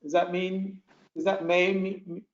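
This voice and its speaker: A man chairing a virtual board meeting, halting and restarting often over a video call. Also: sits high, flat delivery. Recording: muffled video call audio.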